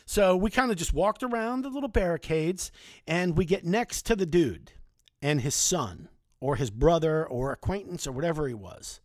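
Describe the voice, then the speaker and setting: A man's voice: a little high, lively intonation, moderate pace, no echo, clean studio sound. Chatty man telling old stories. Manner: chatty, conversational, with mild swearing. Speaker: storyteller. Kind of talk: casual anecdotal storytelling.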